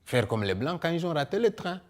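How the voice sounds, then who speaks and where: A man from Congo, telling his story on stage in a lively way, acting out scenes and asking the audience questions. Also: on the high side, a little fast. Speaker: stage performer. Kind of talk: theatrical storytelling monologue. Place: theatre hall before an audience.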